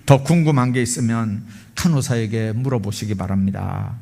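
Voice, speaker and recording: Brief: man doing a soft-spoken, patient surgeon, lower and quieter than the storyteller. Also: normal speed, creaky. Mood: calm. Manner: polite, soft, composed. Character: calm, gentle male surgeon.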